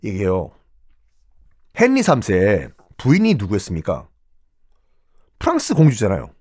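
A man's voice: on the low side, huge pitch swings, measured pace, a little mellow, breathy edge. A man hosting a history podcast, telling stories in a conversational way and asking and answering his own questions. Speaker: history storyteller podcast host. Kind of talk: animated history storytelling.

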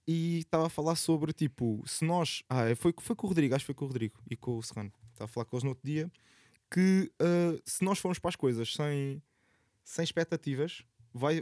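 A man's voice: fairly high pitch, a little mellow, no echo, studio quality. A young man chats casually in a slangy, sweary, rambling way. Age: young adult. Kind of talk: casual chat.

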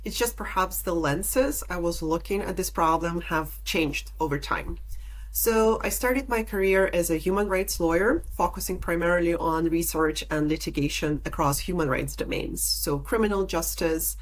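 A woman from Lithuania in her thirties, a podcast guest answering interview questions in a measured, articulate way. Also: lowish voice, rough recording. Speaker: podcast guest, data protection officer.

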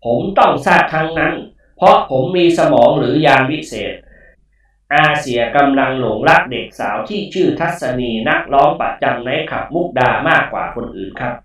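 A man's voice: medium pitch, normal speed, fairly bright tone, distant mic, close to an everyday voice. A man voicing an echoing polite talking computer. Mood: matter-of-fact. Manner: politely formal, matter-of-fact. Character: all-knowing talking computer, polite male machine. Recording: heavy echo, voice set back from the mic.

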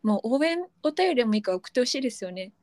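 A woman co-hosting a podcast in casual, playful chat, quick to laugh. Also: on the high side, very animated, a little mellow, no echo, studio quality. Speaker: podcast co-host.

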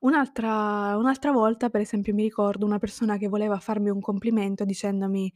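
A woman's voice: mid-range voice, level tone, fast, darkish tone, no room sound, studio quality. A woman from Sicily giving an earnest, reflective personal monologue, thinking aloud as she talks. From Sicily, Italy. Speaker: vlogger.

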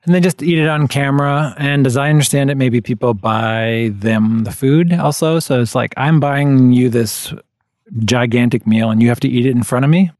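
A man's voice: mid-range voice, moderate pace, a little mellow, dry recording, clean studio sound. A man co-hosting a podcast with casual, tongue-in-cheek banter, recorded outdoors in a backyard. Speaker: podcast co-host. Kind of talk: casual chat.

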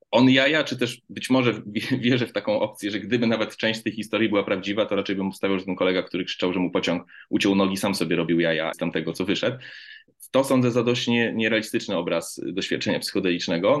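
A man with a fairly low voice hosts a conversational interview. He chats loosely, repeats words and restarts sentences, and slips easily into telling anecdotes. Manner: loose, chatty storytelling with frequent restarts. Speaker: podcast host.

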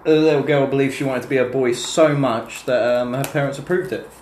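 A man's voice: mid-range voice, fairly even intonation, brisk, a little mellow. A man with a British accent, chatting casually as a podcast guest. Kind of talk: casual banter. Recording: echoey room with faint noise.

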